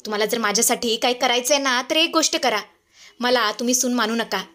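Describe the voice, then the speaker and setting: Casting: a woman playing an emotional young bride, high and pleading. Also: brisk, pushed and bright. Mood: tender.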